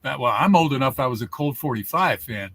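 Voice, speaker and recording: A man's voice: medium pitch, lively intonation, a little fast, a bit bright. Older man, seventies, casual interview guest, rambling storyteller, restarts a lot. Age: 70s.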